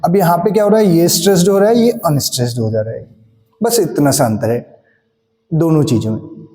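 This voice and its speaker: Male English-literature tutor, high voice, mellow tone, reverberant room; repetitive teacher talk. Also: brisk. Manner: explains and repeats key points, asks and answers his own questions; mixes English terms into Hindi. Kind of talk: exam-prep lecture. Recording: echoey room with long reverb.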